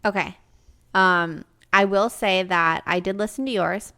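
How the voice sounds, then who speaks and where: A woman's voice: medium pitch, fairly even intonation, measured pace, sharp tone. A young adult woman co-hosting a podcast in casual chat, laughing often and filling with "like". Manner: laughs often, many "like" fillers. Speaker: podcast co-host.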